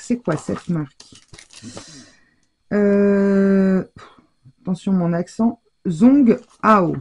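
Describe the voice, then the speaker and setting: A middle-aged woman presenting her craft shopping haul in a casual, chatty way, hesitating often and filling pauses as she goes. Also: mid-range voice, gravelly, dark tone, breathy edge. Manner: chatty, hesitant, full of fillers and self-corrections.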